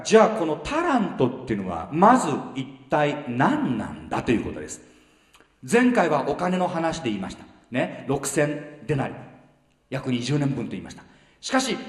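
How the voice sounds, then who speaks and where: A middle-aged man preaching a sermon in a conversational way, often checking with the congregation and dropping into quiet asides. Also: fairly high pitch. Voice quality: animated, swings between loud emphasis and quiet asides. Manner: conversational, asks the congregation "ok?" and "you see?". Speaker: pastor. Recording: echoey hall heard from a distance.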